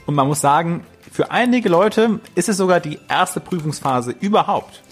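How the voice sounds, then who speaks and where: A man's voice: fairly high pitch, lively intonation, moderate pace, husky, faint music behind. A man hosting a campus radio show, presenting in an upbeat way. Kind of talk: radio moderation.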